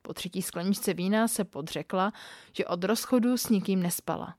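A woman reading a story aloud as scripted narration, in a steady, matter-of-fact way. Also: mid-range voice, no room sound, clean studio sound.

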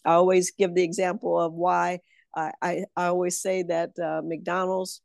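A political consultant tells stories in a conversational interview, confident and emphatic and quick to laugh. Her fairly low voice is creaky and darkish, with a flat delivery at normal speed, and the recording is dry with clean studio sound.

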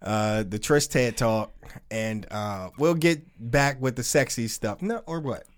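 A man's voice: medium pitch, measured pace. Easygoing guy cohosting a podcast, middle voice, talks loose and chill, swears a bit. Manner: loose, laid-back and chatty, with casual swearing. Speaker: podcast co-host. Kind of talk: casual chat. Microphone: podcast mic, streamed live.

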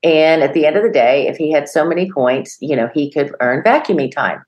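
A middle-aged woman co-hosting a podcast, telling a story in a lively way and acting out the voices of the people in it. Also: deep voice, brisk, muffled recording. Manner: animated storyteller, acts out quoted voices, laughs often. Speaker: podcast co-host. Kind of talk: casual storytelling chat.

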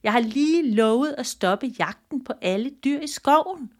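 A woman's voice: high voice, lively intonation, a little mellow, voice pushed up. Woman doing an emphatic human king. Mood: urgent. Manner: emphatic, exclaiming questions. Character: proud human king, hasty then humbled.

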